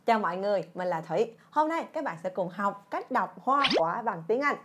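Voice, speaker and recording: A young woman teaching fruit names in a lively video lesson, drilling words by repetition and revealing each with a playful cry. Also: medium pitch, brisk, very noisy. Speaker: English teacher, channel founder.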